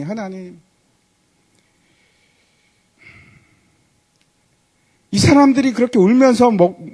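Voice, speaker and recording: An old prophet, worn down and pleading, as a preacher acts him out. The voice is high, husky and rises and falls widely. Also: male voice, exaggerated voice. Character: exasperated old male prophet pleading with God.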